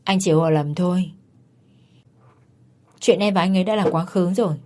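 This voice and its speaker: A woman's voice: on the low side, moderate pace, darkish tone, close to an everyday voice. Woman voicing a pleading young wife. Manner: defensive and pleading.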